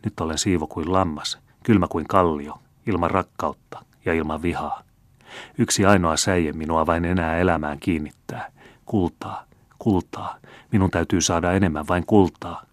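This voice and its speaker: A man's voice: low voice, fairly even intonation, dry recording, lightly acted. A male narrator voicing a greedy old man who pleads urgently and obsessively for gold. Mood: grasping.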